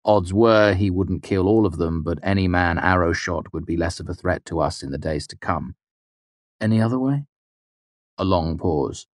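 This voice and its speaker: A man narrating a fantasy novel in the first person, with a measured storytelling delivery. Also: low voice, steady tone, no echo, studio quality. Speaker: audiobook narrator.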